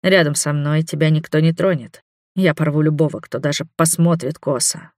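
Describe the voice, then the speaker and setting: A man voicing a possessive ancient male vampire in an audiobook, talking in a low, purring, hypnotic way. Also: fairly even intonation, normal speed, a little mellow, dry recording, studio quality, lightly acted. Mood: soothing. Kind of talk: audiobook character voice.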